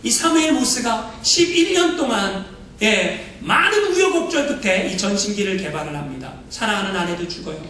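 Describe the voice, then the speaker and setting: A man's voice: high-pitched, animated, normal speed, pushed and bright, a little hiss or hum. A man preaching a sermon as a pastor, swinging his voice up and down and acting out voices in his stories. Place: church sanctuary. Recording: echoey church hall from far off.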